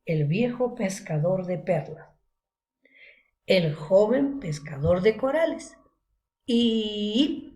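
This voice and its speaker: A woman's voice: mid-range voice, expressive, takes it slowly, pauses often, mellow. A woman teaching an online literature class. She retells a story to her students and keeps checking in with them. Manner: checks in with students, frequent "¿no?" and "¿se acuerdan?" tags.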